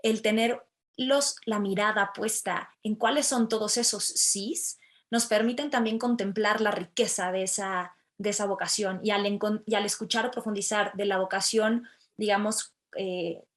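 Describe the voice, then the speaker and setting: A woman co-hosting a podcast, speaking in an animated and playful way. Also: mid-range voice, normal speed. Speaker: podcast co-host. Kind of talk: casual podcast chat.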